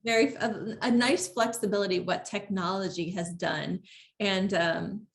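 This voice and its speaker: A woman's voice: mid-range voice, steady tone, a little slow, creaky. A woman hosting a casual interview, asking rambling, enthusiastic questions. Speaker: host.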